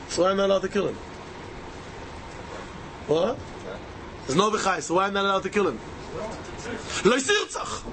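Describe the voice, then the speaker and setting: A man's voice: very high-pitched, noisy background. A man with a Yiddish accent teaching a Talmud lesson, emphatically asking rhetorical questions and repeating key phrases as he answers them. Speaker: Torah teacher.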